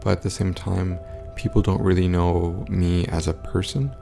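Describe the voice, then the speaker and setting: A man speaks in a hushed, quiet late-night voice, as if others are asleep nearby. His tone is dark and mellow, with heavy creak and a flat, stoic delivery. It is a casual vlog update to viewers. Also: normal speed, faint music behind. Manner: hushed, low talking, as in a quiet house at night. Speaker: content creator.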